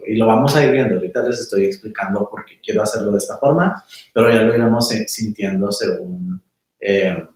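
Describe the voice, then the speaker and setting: A man teaching a small class in a relaxed, conversational way, often checking that his students follow. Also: lowish voice. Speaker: meditation teacher. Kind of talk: casual class lecture. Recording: very echoey room, mic far off.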